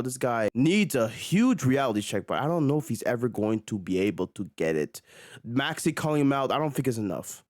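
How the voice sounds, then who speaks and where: A young man ranting heatedly about basketball from his home at night, exasperated and swinging between near-shouts and hushed mutters. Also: mid-range voice, dry recording, studio quality. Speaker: sports commentator. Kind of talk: heated sports rant.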